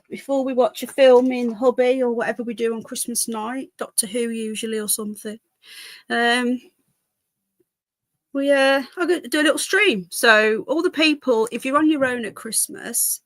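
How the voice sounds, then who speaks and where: Fairly high and fairly bright, this congested British woman's voice is captured dry. She hosts a livestream in a loose, chatty way, talking to viewers and getting distracted, hopping from one aside to the next.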